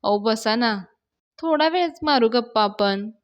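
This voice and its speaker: A woman voicing a warm-hearted young man who coaxes and teases, calling the girl "madam" in a rustic way. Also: a little high, expressive, a little slow. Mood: pleading. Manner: coaxing, rustic idioms, calls her "madam".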